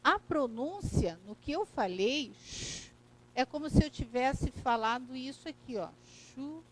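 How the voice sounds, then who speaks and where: A woman's voice: high voice, expressive, moderate pace, rough recording. A woman with a Brazilian Portuguese accent teaching a recorded grammar lesson, explaining step by step and checking in with "né?" and "correto?".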